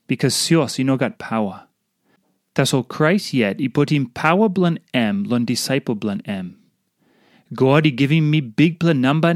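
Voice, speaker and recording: A man with a Papua New Guinean accent reads a devotional in Tok Pisin pidgin. His voice sits at a medium pitch in a dry, close recording. He delivers the script earnestly, one short phrase at a time. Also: no room sound. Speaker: devotional reader.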